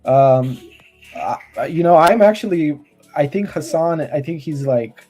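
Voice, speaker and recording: A man's voice: a little high, expressive, unhurried, darkish tone, soft background music. A man from Romania, a guest trader, gives earnest motivational advice in casual chat over a video call, often restarting his sentences.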